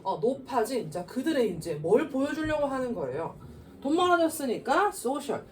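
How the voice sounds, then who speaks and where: A woman's voice: high-pitched, moderate pace. A woman teaching an English reading lesson to middle school students. She poses questions and answers them herself, with frequent verbal fillers. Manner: animated, asks and answers her own questions, keeps saying "자". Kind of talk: classroom lecture explaining a reading passage. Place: classroom. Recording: distant mic with faint noise.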